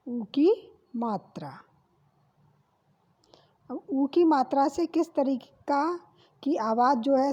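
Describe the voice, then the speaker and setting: A woman with a high voice teaches small children, sounding out each word slowly and saying it twice. She asks questions and answers them herself in a patient classroom manner. The recording is dull and lo-fi. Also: darkish tone, husky. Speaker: kindergarten Hindi teacher.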